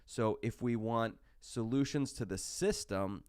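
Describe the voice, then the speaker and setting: A man's voice: mid-range voice, a little slow, a little mellow, clean tone, no echo, studio quality. A sick man with hiccups, casually talking through a recorded online math lecture with many fillers and restarts. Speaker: math instructor.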